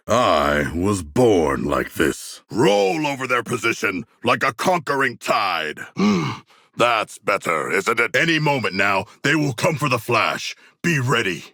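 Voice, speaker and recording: King Shark, a gravelly, forceful shark warrior. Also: medium pitch, no echo, studio quality, full character voice. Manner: stilted formal diction, earnest, declamatory. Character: huge humanoid shark warrior, formal, earnest, proud and literal-minded. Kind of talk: video game character voice lines.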